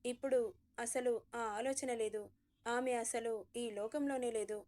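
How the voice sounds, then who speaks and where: A woman storyteller narrating a romantic audio drama in a smooth, even reading. Her voice sits high, with a soft, warm, mellow tone rather than a bright one. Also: measured pace.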